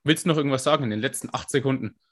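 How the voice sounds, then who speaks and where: A man with a scratchy smoker's rasp, co-hosting a podcast and explaining technical points in an informal, casual way. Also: medium pitch, racing, a bit bright. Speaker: podcast co-host and fitness coach.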